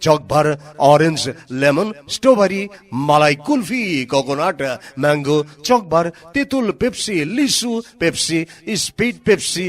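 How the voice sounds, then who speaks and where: Bangladeshi guy doing ad announcer patter, highish voice, really up and down, repeats like a chant. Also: expressive, unhurried. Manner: chanting, repetitive salesman's patter. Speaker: advertisement announcer. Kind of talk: scripted promotional ad read.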